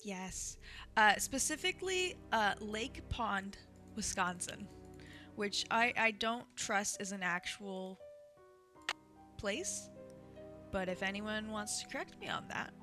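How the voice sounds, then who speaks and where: A woman's voice: medium pitch, lively intonation, slow, pauses often, sharp tone. A woman streaming a video game, chatting in a sing-songy way and talking to her viewers as she plays. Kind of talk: casual gameplay commentary. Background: game music.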